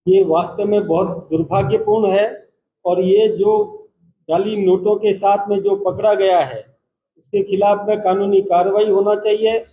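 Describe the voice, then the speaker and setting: Formal high-voiced politician in echoey hall. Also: male voice, fairly even intonation, mellow. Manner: measured, formal, stops reporters to take questions in turn. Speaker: party state president. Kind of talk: formal press conference statement. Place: press conference hall.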